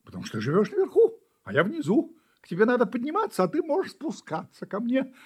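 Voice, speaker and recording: A man's voice: very high-pitched, wildly swooping pitch, fast, breathy edge, pitched above the performer's own voice, full character voice. A man voicing a playful young male puppy in a storybook reading, bouncy and sure of himself. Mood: arguing. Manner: bouncy and know-it-all.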